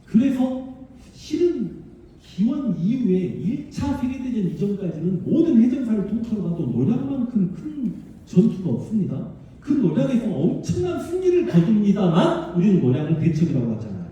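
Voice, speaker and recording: Male history lecturer, lively and emphatic, dark voice, heard from afar in a booming hall. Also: normal speed, lo-fi sound. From Korea, Honam region. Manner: animated, emphatic, chatty with the audience. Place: large civic auditorium. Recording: distant, very echoey hall sound.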